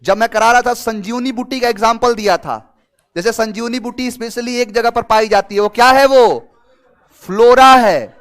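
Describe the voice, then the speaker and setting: Man, high voice, English teacher, Hindi mixed with English, quizzing students, exam prep. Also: moderate pace. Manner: explains in Hindi mixed with English terms, asks students questions; lively and talkative, gives everyday examples. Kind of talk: online exam-prep class.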